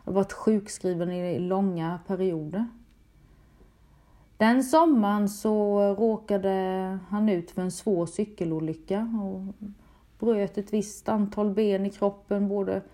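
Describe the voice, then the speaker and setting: Middle-aged woman from Sweden, mellow low-bright tone, halting emotional first-person testimony. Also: fairly even intonation. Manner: halting, emotional retelling with repeated words. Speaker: storyteller recounting a personal experience.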